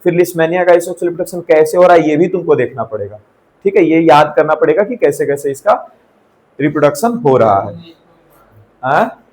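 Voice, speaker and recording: A man's voice: a little high, animated, moderate pace, a little mellow, low-quality recording. A young man giving a live classroom lecture in Hindi, mixing in English terms, asking and answering his own questions and checking in with students. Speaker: teacher.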